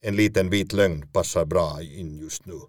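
A man's voice: sits low, no room sound. A man, a stage actor, telling a first-person story in a dry, self-mocking way.

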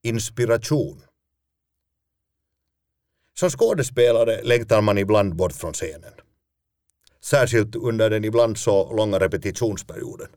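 A man's voice: on the low side, lively intonation, long pauses, darkish tone, no room sound. A man, a stage actor, telling a first-person story in a dry, self-mocking way.

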